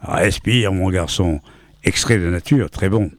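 A man playing a weary storybook father with a low, gravelly voice who answers in glum, clipped phrases. It is heard dry and close. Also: measured pace, dry recording. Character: weary, curt father of a small boy.

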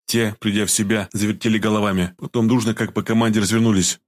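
A man narrating an audiobook in an even storytelling delivery. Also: fairly low pitch, fast talker. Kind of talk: scripted narration.

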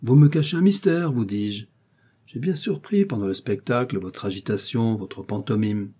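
A man's voice: lowish voice, expressive, measured pace, mellow, slightly rough. A man voicing a fussy, anxious older mother-in-law who keeps pressing questions and grows frantic. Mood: prying. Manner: prying, insistent questions, then frantic pleading.

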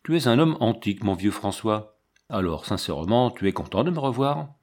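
A man's voice: on the low side, animated, brisk, a little mellow. A man reading the part of a stern, aloof army captain in his thirties, in a curt, commanding manner for an audiobook. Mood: probing.

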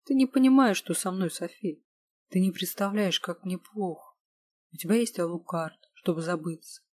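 A woman reading the part of a sly, jealous young woman who mocks and sneers, with a husky voice. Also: on the low side, normal speed, darkish tone, dry recording. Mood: bitter. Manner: teasing, sneering, then hurt.

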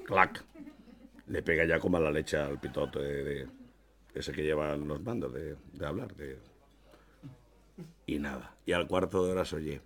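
A man's voice: a bass voice, normal speed, pauses often. A man telling jokes in a chatty, colloquial storytelling manner. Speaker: joke teller.

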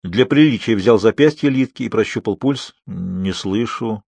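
Husky-voiced male audiobook narrator. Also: mid-range voice, normal speed, a little mellow, no echo. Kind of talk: scripted literary narration.

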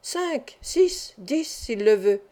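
Woman reader as measured, serious male doctor, mellow tone, a bit high. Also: expressive. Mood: confident. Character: kind, serious, wealthy middle-aged male doctor.

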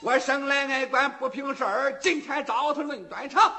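Brief: a male storyteller doing a loud, defiant young warrior, high and ringing. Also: animated, moderate pace, soft background music. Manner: booming challenge in rhymed verse. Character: brash towering young hero, loud and defiant.

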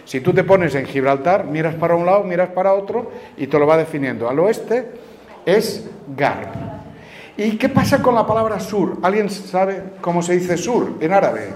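In a large room full of students, a high-voiced man with a Canarian Spanish accent talks at a moderate pace about word origins. He quizzes the audience with patient questions while their lively noise fills the space.

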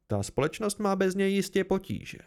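A man voicing a stern, deliberate noble ruler in an amateur audiobook reading. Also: high voice, sing-song, a little mellow, voice pushed up. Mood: measured.

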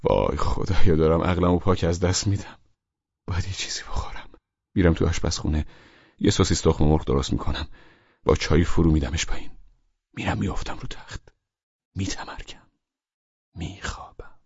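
Husky male audiobook reader, lively delivery, dry lo-fi recording. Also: low-pitched, pauses often, no room sound. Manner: intimate, shifting to hushed whispers. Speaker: audiobook narrator. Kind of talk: first-person story reading.

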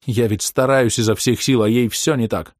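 A man narrating an audiobook in the first person, in a steady, measured reading voice. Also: mid-range voice, dry recording, clean studio sound.

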